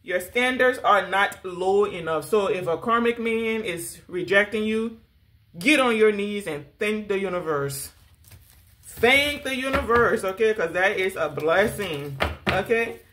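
A woman's voice: mid-range voice, a little slow, fairly bright tone. A woman giving a casual spiritual tarot reading, sassy and direct, calling the listener honey and baby. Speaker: tarot reader.

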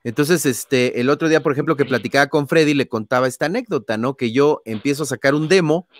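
Fast and mid-range, the voice belongs to a Mexican-accented interview guest who is the son of a famous singer, with no room sound on the recording. He relates stories in a relaxed way, performing scenes with sound effects and frequently adding tag questions and filler words.

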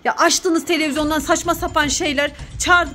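A woman in her thirties, a mother hosting a playful family vlog, talking in an excitable, mock-frightened, teasing way. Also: high-pitched, moderate pace, background noise.

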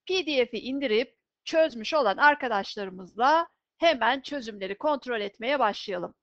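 A woman teaching an English vocabulary lesson, slowly and clearly pronouncing each word twice for students to repeat. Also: a little high, animated, no echo, muffled recording.

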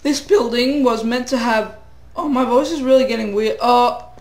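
Playing a game with a cold and a voice growing hoarse, a teenage boy offers rambling, self-mocking commentary and sing-song asides. The extremely high-pitched voice keeps a moderate pace, with roomy sound.

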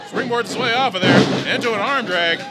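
A man doing excited play-by-play as a lucha libre announcer, calling moves and exclaiming. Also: extremely high pitch, fairly quick. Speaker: lucha libre match commentator. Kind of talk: excited play-by-play wrestling commentary. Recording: noisy hall recording with loud crowd. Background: loud wrestling crowd.

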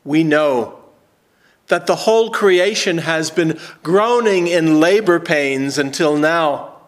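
A man in his sixties, a pastor, reading scripture and praying in a slow, measured, emphatic way in a church sanctuary. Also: a little high.

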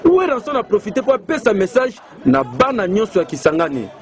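A man's voice: sits high, big pitch swings, a little fast, crowd noise. A man narrating a news report voice-over in Lingala with French words. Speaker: news presenter.

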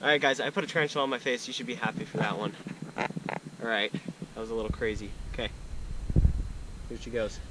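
A young man chatting excitedly to a vlog audience outdoors, slangy and full of exclamations, as a wildlife explorer. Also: medium pitch, fast talker, long pauses, heavy background noise. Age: young adult. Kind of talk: casual excited vlog chat. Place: open desert scrubland, outdoors. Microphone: handheld action camera.

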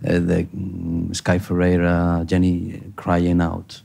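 Deep, gravelly man asking haltingly. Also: monotone, warm tone. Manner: halting, searching for words. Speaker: audience member asking a question. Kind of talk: audience question at a Q&A.

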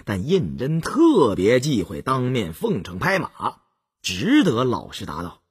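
Husky man narrating a historical story. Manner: expressive, swinging pitch, slow delivery. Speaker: audiobook narrator.

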